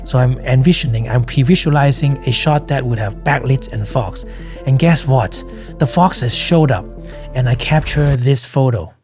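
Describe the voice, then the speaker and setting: A man's voice: medium pitch, dark tone. A man with a Cantonese accent giving scripted instructional narration as a photography educator.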